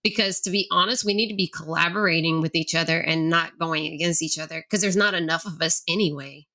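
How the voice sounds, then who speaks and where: A woman with a deep, sharp voice talks fast as she hosts an interview podcast. Her casual chat is loose and rambling, full of fillers.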